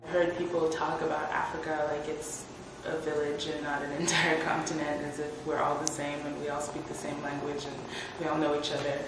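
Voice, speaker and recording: A woman's voice: low voice, monotone, brisk. A young woman originally from Nigeria, an international student, giving candid, wry interview answers. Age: young adult. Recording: very echoey, distant from the mic.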